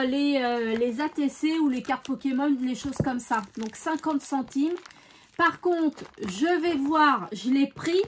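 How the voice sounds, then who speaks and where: There's a faint hiss or hum behind this cheerful craft vlogger, a woman with a high voice and a regional French accent. She talks informally to her viewers, full of enthusiasm, scattering fillers and repeated "voilà" throughout.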